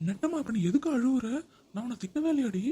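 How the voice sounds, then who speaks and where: A fed-up young husband stuck between two quarreling women, played by a man, talking fast and pleading for peace. His voice sits a bit high and mellow. Faint background noise runs underneath. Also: steady tone, natural voice. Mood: exasperated. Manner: exasperated, pleading. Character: harried young husband caught between wife and mother. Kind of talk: comedy sketch acting.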